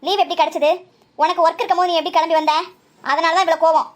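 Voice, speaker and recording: A woman voicing a quick-tempered village mother. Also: high voice, a bit bright. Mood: angry. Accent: Tamil Nadu. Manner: scolding, quick-tempered, then tender. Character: strict, loving middle-aged village mother. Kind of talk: cartoon voice acting.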